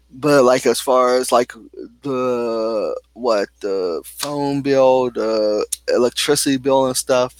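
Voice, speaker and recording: A man's voice: medium pitch, no echo. A young man venting on his own channel, heated and rambling, full of fillers and asides. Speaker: vlogger. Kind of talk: casual venting monologue.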